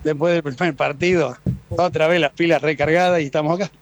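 A man's voice: on the high side, fairly even intonation, brisk, soft background music. A man, an easygoing, joking football fan interviewed outdoors. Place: outdoors near a stadium.

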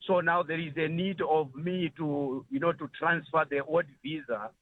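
A man's voice: a little high, normal speed, no room sound. Man from Malawi on a tinny phone line. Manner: steady, explanatory storytelling with frequent "you know". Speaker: caller. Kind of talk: phone-in call to a radio show.

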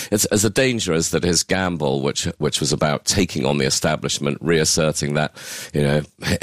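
Deep voiced guy correspondent, explains politics steady, lots of little restarts, dry sound. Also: no echo. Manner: measured, explanatory with frequent restarts. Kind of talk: live news analysis.

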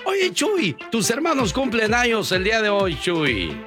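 A man's voice: high-pitched, wildly swooping pitch, unhurried. A man hosting a morning radio call-in show, chatting with callers and telling folksy stories. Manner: folksy storytelling, playful. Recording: radio broadcast with music bed.

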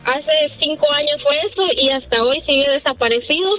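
A woman calling in to a radio show, speaking in an earnest, measured way. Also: high voice, fairly even intonation, a bit bright. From Honduras. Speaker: caller. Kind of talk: phone-in radio call.

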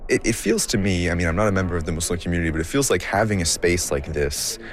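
A man's voice: low voice, fast. A male radio reporter asking friendly questions in a field interview.

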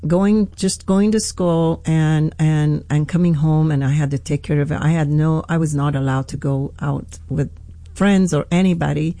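A woman in her sixties from Iran with an Iranian accent, a pastor telling her life story in an interview, earnest and hesitant with many pauses and restarts. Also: sits low, fairly even intonation, dark tone, no echo. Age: 60s. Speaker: pastor, guest. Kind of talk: personal testimony in an interview.

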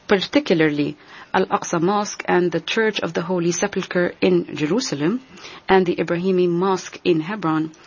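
A woman giving a translation voice-over as an interpreter, rendering a formal speech in a measured, deliberate way. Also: fairly low pitch, slightly rough, muffled recording. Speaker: simultaneous interpreter.

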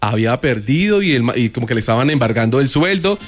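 A man's voice: mid-range voice, animated, quick pace, soft background music. A man with a Colombian accent co-hosting a radio show, telling stories in casual slang.

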